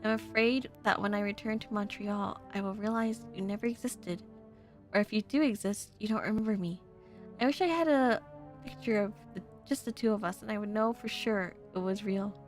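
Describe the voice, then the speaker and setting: A woman streaming a game, reading its letters and dialogue aloud in a slow, expressive way, and turning playful and giggly between lines. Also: mid-range voice, soft background music. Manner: playful and giggly when ad-libbing. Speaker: VTuber streamer.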